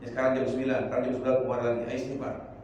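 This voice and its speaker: A man's voice: mid-range voice, completely flat delivery, very fast, darkish tone, muffled recording, slight background noise. A man preaching an informal sermon, mixing street slang with Arabic prayers. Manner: colloquial Jakarta slang mixed with Arabic prayers. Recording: echoey room, distant from mic.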